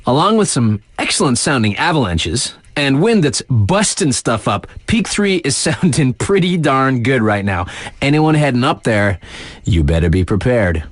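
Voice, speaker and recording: In a video game, a man voices a laid-back, thrill-loving snowboard radio DJ who reads casual mountain weather updates with slang and playful dramatic pauses. His medium-pitched, natural voice is recorded in a clean studio without echo.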